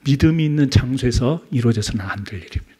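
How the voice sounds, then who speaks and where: A man preaching a sermon in a church, asking the congregation questions and dropping from loud emphasis to near-whispers. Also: mid-range voice, expressive, fast, slightly rough. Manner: asks the congregation rhetorical questions. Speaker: pastor. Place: church sanctuary.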